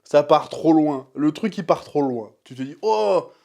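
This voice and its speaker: A young man giving a casual, slangy episode review, animated and acting out scenes in quick voices. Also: a little high. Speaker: TV series reviewer.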